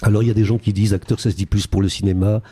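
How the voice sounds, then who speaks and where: A man's voice: lowish voice, level tone, rapid-fire, mellow, breathy edge. An older man, an actor being interviewed on radio, talking animatedly and slipping into character voices now and then. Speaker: guest actor.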